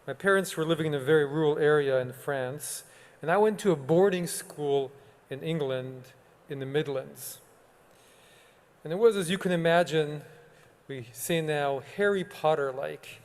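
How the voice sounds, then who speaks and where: A man, a rabbi, delivering a solemn, measured sermon with long pauses. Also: fairly high pitch. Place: synagogue sanctuary. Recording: long reverb of a large sanctuary.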